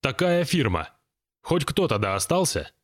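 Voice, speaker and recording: A man's voice: medium pitch, very animated, normal speed, pitched above the performer's own voice. A man voicing a polite, anxious younger employee who is easily flustered in an audiobook reading. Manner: polite, anxious, taken aback.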